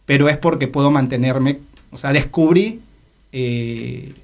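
A man's voice: medium pitch, measured pace, creaky. A man, a guest poet and cultural organizer, chatting casually with fillers and then reading his poetry aloud. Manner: hesitant, fills with "o sea" and "eh".

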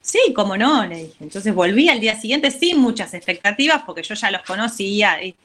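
A woman's voice: medium pitch, a little fast. A woman with an Argentine accent, telling a story in a casual interview and acting out what people said. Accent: Argentine Spanish. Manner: animated, acts out quotes. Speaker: guest.

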